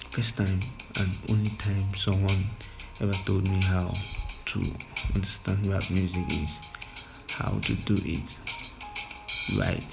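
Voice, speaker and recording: A young Nigerian man hosts a podcast, recounting his own life story in a loose, slangy, reflective monologue. His voice is low with vocal fry, and the recording is rough.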